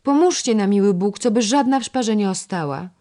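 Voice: medium pitch, steady tone, warm tone, lightly acted. A narrator voicing a bold, clumsy young lady-in-waiting with cheeky outbursts in an old-fashioned storybook. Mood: alarmed. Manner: cheeky, quick exclamations.

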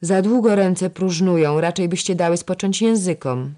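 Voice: mid-range voice, normal speed, darkish tone, voice pushed up, close to an everyday voice. A narrator voicing a strict, proper young lady-in-waiting who scolds her companions, in a historical storybook. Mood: scolding.

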